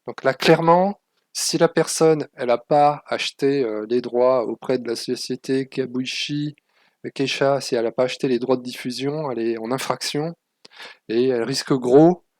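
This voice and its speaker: A man's voice: medium pitch, moderate pace, no echo, studio quality. A man hosting his channel, narrating a screen-share tutorial with many hesitations and a cautionary tone. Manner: hesitant, many fillers, warning tone. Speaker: channel host.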